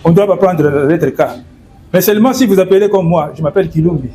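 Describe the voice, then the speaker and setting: A man's voice: high voice, fast talker, mellow, a little hiss or hum. A man from Congo explaining in an interview, hesitant and repeating words and fillers. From Democratic Republic of the Congo. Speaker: guest.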